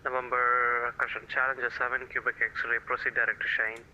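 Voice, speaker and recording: A man's voice: mid-range voice, little pitch movement, fairly quick, sharp tone. A man working as an air traffic controller, giving clipped procedural instructions over the radio. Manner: clipped aviation phrases. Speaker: air traffic controller in online flight simulation. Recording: band-limited, tinny radio channel.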